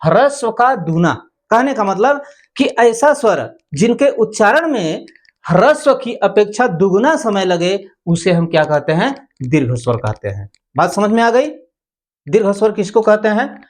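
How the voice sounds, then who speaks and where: A man's voice: high-pitched, big pitch swings, unhurried. A male teacher giving an exam-prep grammar lesson, repeating key terms and asking rhetorical questions.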